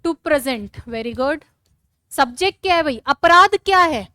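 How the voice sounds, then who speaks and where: A woman teacher with a Rajasthani Hindi accent, giving a classroom lecture in a brisk, scolding way and urging students to write fast. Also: high-pitched, lively intonation, bright, forceful tone, dry recording.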